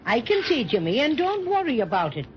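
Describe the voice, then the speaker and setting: A man's voice: extremely high pitch, huge pitch swings, fairly quick, heavily acted. A man playing a blustering, good-natured stuffed bear with folksy, boastful talk in a 1930s children's radio serial. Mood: bossy, blustering. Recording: dull, noisy 1930s radio recording.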